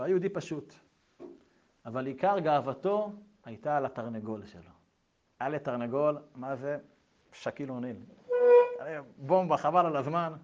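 A man preaching a sermon, telling a story in a lively way with colloquial asides. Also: fairly high pitch, lo-fi sound.

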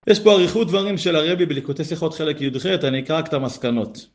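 A man giving a Torah lesson, reading texts aloud and explaining them earnestly, his voice rising to stress key points. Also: on the high side. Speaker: Torah teacher.

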